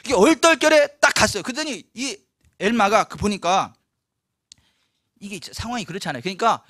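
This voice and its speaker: High, bright-voiced pastor preaching. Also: male voice, a little fast, dry recording, clean studio sound. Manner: animated, acts out quoted voices, laughs often. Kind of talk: storytelling sermon. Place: church.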